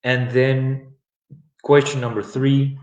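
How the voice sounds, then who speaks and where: A South African man gives a live online English lesson in a slow, unhurried way. He pauses often with ums and uhs. His voice carries a noticeable echo from the room. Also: mid-range voice, muffled recording. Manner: relaxed, with many ums and uhs. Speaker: English teacher.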